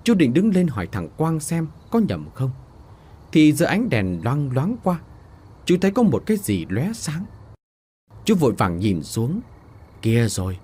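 A male storyteller narrates a village ghost story with expressive delivery. His voice is husky, and his pitch swings widely up and down. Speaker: storyteller host.

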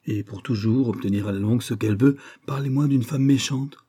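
Man doing a society hostess, gossipy, confiding, husky, dark-toned. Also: mid-range voice, fairly quick, lightly acted. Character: chatty wealthy society hostess, woman, middle-aged. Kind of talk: audiobook character reading.

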